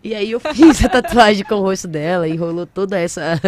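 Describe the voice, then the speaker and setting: A young woman singer telling a story in an interview, animated and emotional, full of casual slang. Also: medium pitch, fairly quick. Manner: animated, emotional, uses slang like mano and velho.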